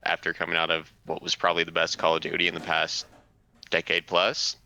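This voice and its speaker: A man on a gaming podcast, giving measured, mild opinions. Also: sits low, completely flat delivery, creaky, sharp tone, low-quality recording. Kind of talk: casual gaming chat.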